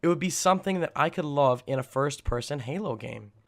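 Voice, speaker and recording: Raspy, sick-sounding young man. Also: fairly high pitch, lively intonation, fairly quick. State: sick, rough voice. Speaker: gaming video creator. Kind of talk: casual opinion commentary to viewers.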